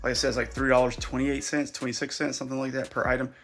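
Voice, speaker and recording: A man's voice: medium pitch, level tone, very fast, creaky, a bit bright, soft background music. A man casually talking through a pile of resale clothes, chatty and a little out of breath. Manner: chatty, thinking aloud while sorting clothes. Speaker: resale vlogger. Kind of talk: casual vlog commentary.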